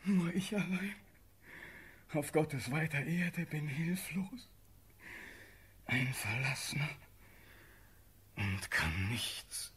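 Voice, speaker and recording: As a desperate condemned prince in a classical verse radio drama, a young man pleads for his life, sounding helpless. His high, slightly rough voice is exaggerated, with lively intonation, a slow pace and many pauses. He declaims with passion, moving from quiet to outcry.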